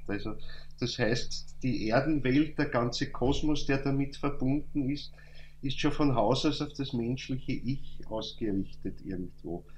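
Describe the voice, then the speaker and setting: A man giving a calm, thoughtful spoken lecture, reciting verse slowly at times. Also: mid-range voice, muffled recording. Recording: echoey room, faint hum.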